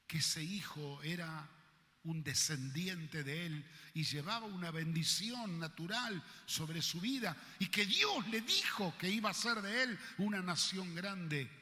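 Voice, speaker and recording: A man preaching a sermon as pastor, dropping to hushed low passages and then rising to shouts. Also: slow, big-room sound.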